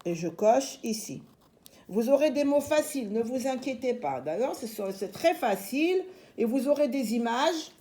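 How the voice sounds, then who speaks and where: A woman teaching young children a reading lesson from home, sounding out syllables slowly and reassuring them patiently. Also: a little high, lively intonation, warm tone. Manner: slow, clearly segmenting syllables. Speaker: primary school teacher.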